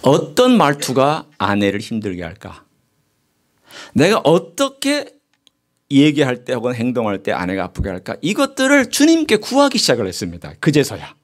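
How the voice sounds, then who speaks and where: A middle-aged male pastor preaching a sermon, moving between hushed, whispered passages and raised, emphatic exclamations. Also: mid-range voice, huge pitch swings, normal speed.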